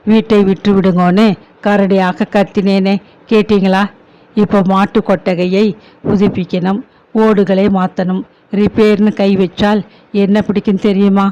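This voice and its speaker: A blunt, angry male relative who scolds the household, read by a man. The voice runs high and flat, through a dull lo-fi recording. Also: normal speed, smooth, lightly acted. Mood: scolding. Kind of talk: audiobook story reading.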